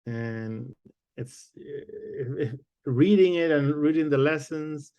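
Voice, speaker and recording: A man from the Dominican Republic, a native Spanish speaker and literature professor, answering interview questions in a thoughtful, halting way. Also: a little high, mellow, smooth, no room sound, muffled recording. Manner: thoughtful, halting, many fillers and restarts. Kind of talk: interview conversation.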